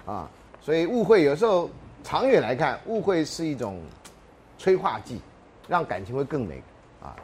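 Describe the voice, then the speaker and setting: Male lecturer, fairly high voice, very animated intonation, joking storyteller. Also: moderate pace, breathy edge. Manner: joking storyteller, laughs mid-sentence. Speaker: university lecturer. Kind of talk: classroom lecture.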